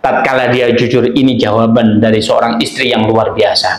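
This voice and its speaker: A male preacher telling a story in a lively sermon, often asking the audience rhetorical questions. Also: medium pitch, moderate pace. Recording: echoey room.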